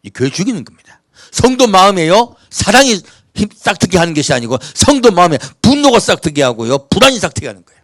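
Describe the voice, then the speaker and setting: A male pastor from the Jeolla region of South Korea, preaching a sermon with rhetorical questions and reading scripture in a measured cadence. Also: high-pitched, sing-song, a bit bright, no room sound, clean studio sound.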